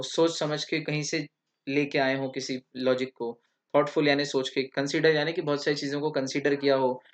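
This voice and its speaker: A man's voice: fairly high pitch, fairly bright tone. A man teaching a classroom vocabulary lecture, listing synonyms and spelling words out letter by letter. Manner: lists synonyms and spells words out, often adds "hai na". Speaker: English teacher.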